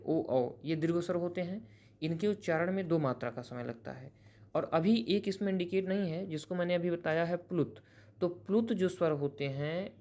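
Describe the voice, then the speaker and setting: A man's voice: fairly high pitch, darkish tone. Patient male Hindi grammar teacher. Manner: explains patiently, repeating and restating terms; self-corrects mid-sentence. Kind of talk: classroom-style grammar lesson.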